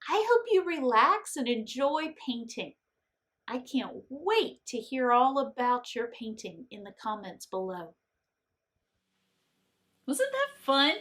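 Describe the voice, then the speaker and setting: A woman teaching kids art moves one step at a time, her fairly high voice a little bright and swinging widely in pitch. She goes slowly, pausing between simple, reassuring instructions meant to encourage young learners.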